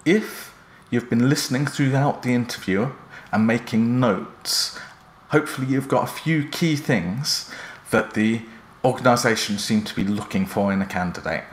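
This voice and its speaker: A man presenting instructional career advice in a measured, earnest, explanatory manner. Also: medium pitch, a little hiss or hum. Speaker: presenter giving job interview advice. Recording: roomy echo around the voice.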